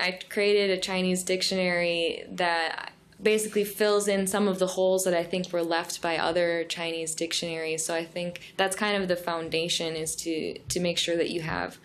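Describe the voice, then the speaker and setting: Podcast guest: woman, slightly low voice, friendly explainer who laughs easily. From United States. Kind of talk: casual podcast interview.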